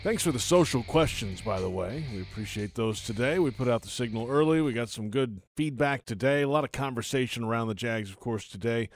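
A man's voice: mid-range voice, a little fast, hardly any pauses, soft background music. A man hosting a sports talk show in a radio style.

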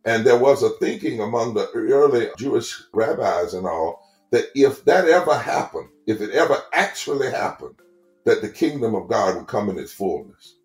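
A man's voice: mid-range voice, animated, normal speed, reverberant, faint music behind. A man speaking as a preacher and theologian, emphatic and preacherly, repeating phrases for effect. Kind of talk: sermon-like talk.

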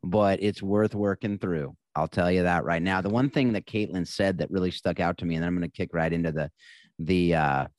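A man's voice: sits low, brisk, a little mellow, dry recording. A man co-hosting a podcast, chatting casually in an earnest, coaching way. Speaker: podcast co-host.

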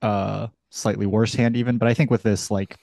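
A man's voice: fairly low pitch, flat delivery, normal speed, vocal fry, a little mellow, no room sound, clean studio sound. A man co-hosting a podcast, talking casually and analytically about strategy. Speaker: podcast co-host, poker coach.

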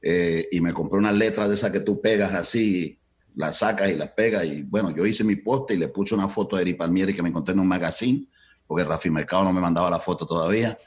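Middle-aged man, very low voice, animated interview storyteller who slips between Spanish and English. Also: quick pace. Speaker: salsa event promoter.

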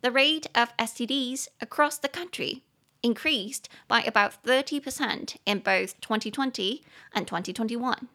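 A young woman with a Taiwanese Mandarin accent hosting a podcast English lesson, mixing Mandarin and English and slowly spelling words out letter by letter. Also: on the high side, bright, forceful tone. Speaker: podcast host and English teacher.

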